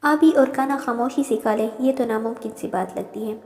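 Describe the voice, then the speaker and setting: Woman narrator, storybook reading, high pitch, long reverb. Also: normal speed, darkish tone. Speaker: novel reader. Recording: roomy reverb.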